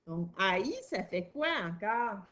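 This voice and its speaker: Slow, patient Quebec French teacher woman. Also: medium pitch, expressive, a bit bright, dull audio. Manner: patient, step-by-step explaining. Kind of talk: reading and writing lesson for a young child.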